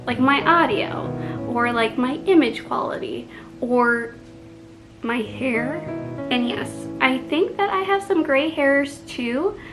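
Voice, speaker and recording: A woman's voice: high voice, slow pace, over music, low-quality recording. A woman with a Canadian accent, chatting casually to camera as a book vlogger, self-deprecating and full of "like".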